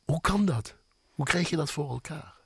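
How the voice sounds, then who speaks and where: A man's voice: on the high side, expressive, moderate pace, creaky, husky, no room sound, clean studio sound. A man hosting an interview, asking long, rambling questions with stumbling restarts. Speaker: interviewer, host. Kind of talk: conversational interview.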